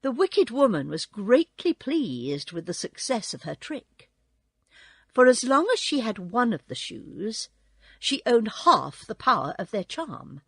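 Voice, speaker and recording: A woman reading a classic children's book aloud in a slow, expressive storytelling way. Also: medium pitch, vocal fry, slightly rough, no room sound, clean studio sound.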